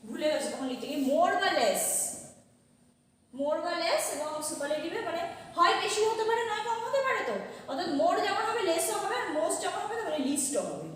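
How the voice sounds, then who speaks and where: A woman teaching an English grammar lesson, talking slowly and haltingly and repeating words as she writes. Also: very high voice, a little hiss or hum. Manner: slow and halting, repeating words while writing. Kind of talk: classroom grammar lecture, writing as she talks. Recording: roomy distant mic with long echo.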